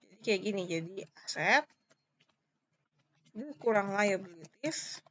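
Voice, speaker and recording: Animated and a little slow, this Indonesian-accented accounting lecturer guides listeners through each step informally. Her voice is bright, forward and of average female pitch, and she keeps restating key points and asking short check-in questions, all on a slightly muffled, lo-fi recording.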